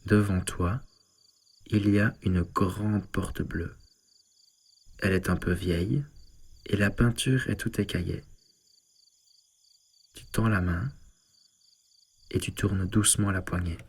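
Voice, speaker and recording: A man leading a guided sleep meditation and bedtime story, speaking softly and calmly. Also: sits low, breathy edge. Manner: slow, soft, calm guiding delivery. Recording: soft ambient synth music underneath.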